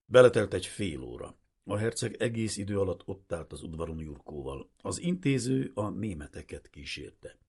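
A man narrating a literary audiobook in a measured, expressive storytelling manner. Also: low voice, husky.

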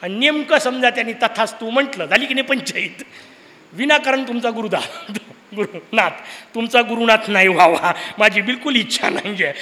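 With a Marathi accent and a very high, bright voice, this male preacher speaks forcefully at a moderate pace. He's delivering a devotional discourse from his series, telling a story full of humor, rhetorical questions, and abrupt emphatic outbursts, while a hall's long reverb trails his words.

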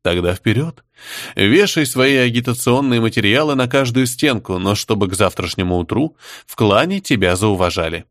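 A man voicing a bossy, scheming clan matriarch who speaks slowly and firmly, in an audiobook reading. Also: on the low side, lively intonation, fairly bright tone, no room sound, clean studio sound. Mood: commanding. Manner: commanding, slow and deliberate.

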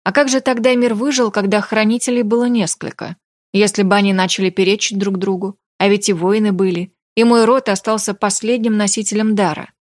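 A woman narrating a romance fantasy audiobook in an even, measured reading. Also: mid-range voice, no room sound, clean studio sound.

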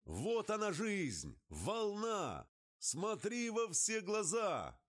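A man voicing a daring, thrill-loving male pilot, calling out loudly and excitedly in an audiobook. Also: high-pitched, extremely slow, voice pushed up, exaggerated voice. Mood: shouting. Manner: loud excited shouting. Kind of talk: audiobook character voice.

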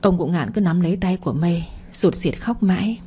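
A woman reading a story aloud in a steady, measured way. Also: on the low side, breathy edge. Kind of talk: scripted audiobook narration.

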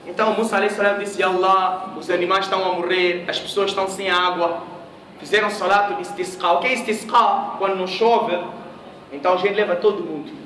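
A man's voice: high-pitched, fairly even intonation, brisk, fairly bright tone, a little hiss or hum. A man from Mozambique preaching a sermon in a mosque hall, telling a story and questioning his audience. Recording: echoey room, voice from a distance.

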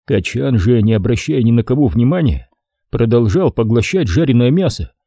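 A man's voice: mid-range voice, expressive, normal speed, dark tone, no echo. A man narrating an audiobook in a plain conversational storytelling manner. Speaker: audiobook reader.

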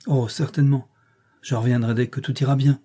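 Male reader as reserved young governess, audiobook, mellow breathy voice. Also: medium pitch, fairly even intonation, fairly quick, natural voice. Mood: earnest. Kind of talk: audiobook reading.

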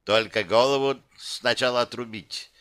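A man's voice: medium pitch, steady tone, normal speed, fairly bright tone, close to an everyday voice. A man voicing a smirking, coarse kidnapper. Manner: smirking, offhand. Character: smug male kidnapper, coarse and scoffing.

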